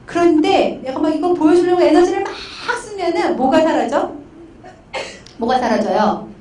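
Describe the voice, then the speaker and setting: Middle-aged woman counselor, high voice, animated storyteller, distant mic in a roomy hall. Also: moderate pace. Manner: animated storytelling with acted quotes. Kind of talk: conference talk. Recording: echoey hall from far off.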